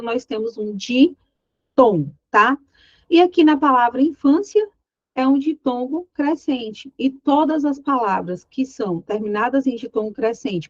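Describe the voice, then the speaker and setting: A woman's voice: fairly high pitch, no echo, dull audio. A woman with a Brazilian Portuguese accent teaching an exam-prep grammar lesson, explaining step by step and often checking in with her students. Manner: voices imagined student questions.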